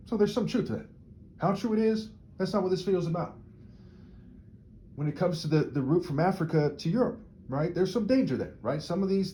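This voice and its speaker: Mellow-voiced man in a rambling monologue. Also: a little high, slight background noise. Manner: rhetorical, checks in with frequent "right?" tags; discursive, repeats words while restarting sentences. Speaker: video commentator. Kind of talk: opinionated solo monologue.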